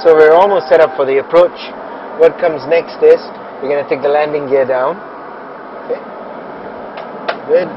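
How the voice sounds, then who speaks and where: A man coaching live as a flight simulator instructor, giving short, calm, encouraging step-by-step instructions. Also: fairly high pitch, moderate pace, long pauses, muffled recording. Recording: steady cockpit-like background noise.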